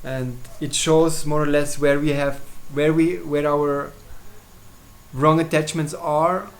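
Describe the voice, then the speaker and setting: A German-speaking Swiss man uses English to casually pitch his astrology services in a video by himself. Pitched on the high side with a level tone, he frequently stops, restarts, and leans on fillers.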